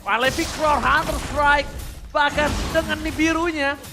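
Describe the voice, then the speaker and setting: A man commentating live esports play-by-play in an excited fighting game announcer manner. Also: extremely high pitch, a little slow, over music.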